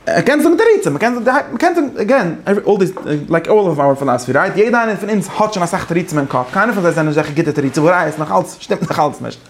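Male teacher, gravelly, slightly high voice, halting and animated, casual lecture. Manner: halting, restarts, animated, laughs often. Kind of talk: casual lecture mixing languages.

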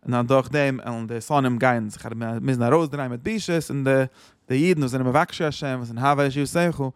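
A man's voice: medium pitch, fairly even intonation, a little fast, smooth, dry recording, clean studio sound. A man explaining a psalm chapter, quoting verses and translating them with many restarts. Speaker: Torah teacher.

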